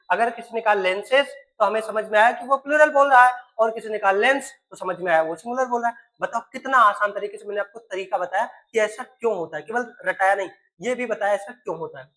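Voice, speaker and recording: A male teacher speaks in a recorded classroom lesson. He addresses his pupils constantly, asking question after question. He slows down to spell words out one letter at a time. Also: high-pitched, sharp tone, poor audio. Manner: keeps quizzing students, spells words letter by letter.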